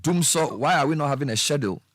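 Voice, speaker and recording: A man, a smooth radio host probing a guest with pointed questions in a studio. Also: on the high side, expressive, quick pace, fairly bright tone, no echo. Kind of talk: pressing radio interview.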